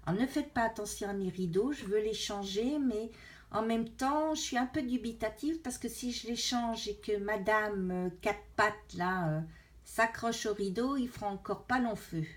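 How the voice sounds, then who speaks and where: A middle-aged woman chatting casually as a craft vlogger, rambling and hesitant with many pauses while she leafs through a colouring book. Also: fairly high pitch.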